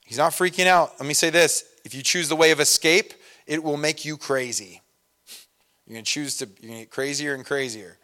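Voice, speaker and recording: A man's voice: a little high, brisk. Casual conversational preacher man. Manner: conversational preaching, many fillers and asides; swings from loud emphasis to soft storytelling. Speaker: pastor. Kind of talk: sermon.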